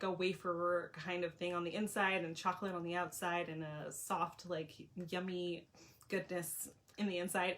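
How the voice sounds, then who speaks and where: A young woman chatting to camera with travel tips, filling pauses with frequent ums and restarting her sentences. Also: fairly low pitch, fairly bright tone. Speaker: travel vlogger. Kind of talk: casual recommendations to camera.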